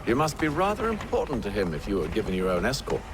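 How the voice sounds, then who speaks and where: Covert band leader, deep voice, lively intonation, formal, authoritative, video game. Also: male voice, fast talker, noisy background. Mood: measured, commanding. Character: composed, commanding gentleman leader of a covert band. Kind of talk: video game dramatic acting. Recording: music under the voice.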